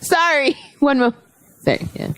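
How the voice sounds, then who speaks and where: A woman's voice: high voice, measured pace, a bit bright, dry recording. A woman comedian chatting as a podcast guest, playful and laughing often. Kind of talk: casual chat.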